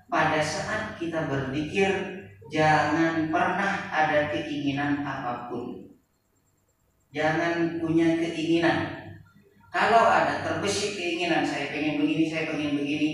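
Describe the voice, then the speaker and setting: A man's voice: fairly high pitch, fairly bright tone, a little hiss or hum. Male preacher, echoey hall. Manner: slow, deliberate, repeats key phrases for emphasis. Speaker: preacher at an Islamic boarding school. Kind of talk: sermon. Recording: echoey hall, distant mic.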